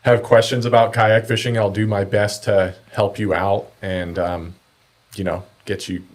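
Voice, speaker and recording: A man's voice: fairly low pitch, little pitch movement, measured pace. A man chatting casually and telling anecdotes in laid-back, slangy talk as a podcast guest. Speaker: podcast guest, kayak angler.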